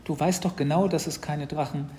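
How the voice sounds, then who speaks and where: A man's voice: a little high, steady tone, brisk, dark tone, in a large hall, voice pushed up, natural voice. A man voicing a nervous, secretive schoolboy who stammers when caught out. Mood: flustered. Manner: stammering, a little raised.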